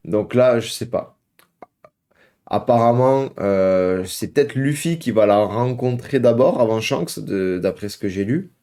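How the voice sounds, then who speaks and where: A man's voice: medium pitch, animated, a little slow, warm tone. A young man hosting a casual reaction video at home, chatting to his viewers with lots of hesitations and filler words. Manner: chatty, many hesitations, addresses viewers as "guys".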